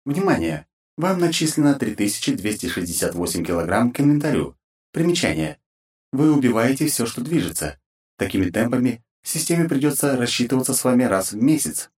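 A man's voice: medium pitch, very animated, brisk, a little mellow, far from the mic, pitched above the performer's own voice, natural voice. A man voicing an impersonal game system announcer in an audiobook, with a formal announcing tone. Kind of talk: audiobook reading.

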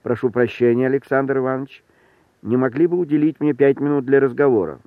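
A man doing a neat little stranger of quiet dignity, polite and unhurried. His voice is of middling pitch. The recording is dry and narrow like a phone line. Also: dry recording, lightly acted. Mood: courteous. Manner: quiet, courteous, composed.

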